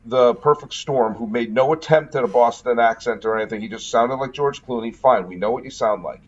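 A man's voice: mid-range voice, a little fast, muffled recording. A man from New England with a Northeastern US accent, chatting enthusiastically about films on a podcast with many restarts. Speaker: podcast co-host. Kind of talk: casual film discussion.

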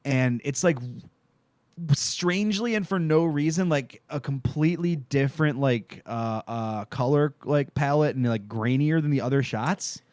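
A man hosts a laid-back podcast recap, rambling along with easy swearing and frequent laughter. His voice is smooth and resonant at a middle pitch, and it sounds dry and close, with no room echo. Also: measured pace, a little mellow. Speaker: podcast host recapping a TV show. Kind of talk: casual chat.

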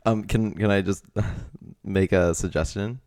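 A man with a low, gravelly voice co-hosts a casual comedy podcast. He rambles through his ideas with lots of fillers and keeps giggling. He is recorded on a dry, close mic. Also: fairly even intonation, unhurried, darkish tone, dry recording. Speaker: podcast co-host.

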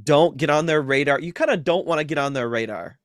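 A man's voice: on the high side, fairly quick, no echo, clean studio sound. A man who is a seminary professor, a guest on a podcast, explaining ideas patiently with everyday comparisons. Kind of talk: explanatory interview talk.

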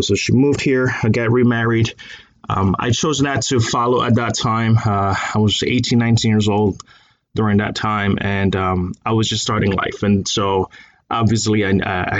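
A man in his thirties from Colombia, talking in a measured interview with many fillers. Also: on the low side, lo-fi sound. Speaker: guest. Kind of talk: conversational interview.

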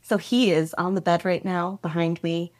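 A young woman, a fan fiction writer, guests on a podcast from her bedroom at home, rambling casually in an interview with lots of "like" and small giggles. Her voice is fairly low with fairly even intonation and a moderate pace, and the studio-clean sound has no echo.

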